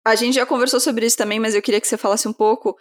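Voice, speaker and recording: A woman's voice: on the high side, steady tone, racing. A woman hosting a podcast, asking long rambling questions in a casual, chatty way. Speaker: podcast host.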